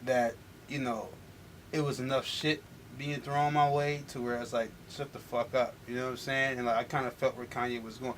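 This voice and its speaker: Speaking fairly quickly in a medium-pitched, fairly bright voice with a level tone, this young Milwaukee rapper chats informally as an interview guest. He uses plenty of slang and often starts his sentences over, and faint background noise can be heard.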